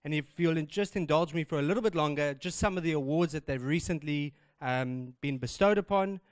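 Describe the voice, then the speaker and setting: A man's voice: fairly high pitch, brisk, clear, resonant tone, no echo. A man introducing the guest speaker at a business breakfast, reading formally with small stumbles. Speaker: event host introducing speaker.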